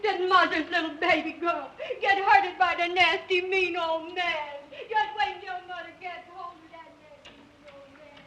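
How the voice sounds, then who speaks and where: An actress playing a spoiled, scornful wife in a 1930s film, melodramatic and exclamatory. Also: female voice, very high-pitched, fairly even intonation, measured pace, hardly any pauses, sharp tone, slight background noise, heavily acted, low-quality recording. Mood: cooing baby talk. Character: spoiled, scornful wife who babies her dog. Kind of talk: early 1930s film acting.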